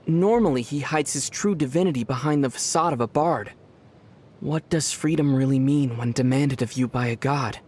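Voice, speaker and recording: An actor playing a young male wandering traveler in a video game, calm, thoughtful and soft-spoken. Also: mid-range voice, moderate pace, close to an everyday voice. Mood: reflective.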